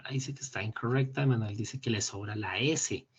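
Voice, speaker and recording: A man teaching an English class over a video call, explaining in Spanish and slowly modeling English phrases. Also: fairly low pitch, husky. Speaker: English instructor. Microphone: computer mic on a video call. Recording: dull lo-fi meeting recording.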